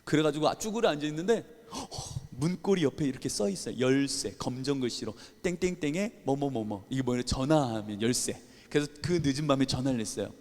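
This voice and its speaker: A male pastor preaching a sermon, telling a personal story with lively, animated delivery and acting out his own frustration and tears. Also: medium pitch, brisk, few pauses. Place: church sanctuary. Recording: church hall with long reverb.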